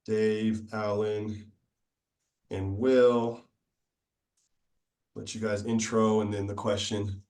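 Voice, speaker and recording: A man's voice: on the low side, level tone, slow pace, long pauses, darkish tone, distant mic. An upbeat man hosts a casual video-call meeting. His talk is loose and joking, and he laughs easily between remarks. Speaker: meeting host.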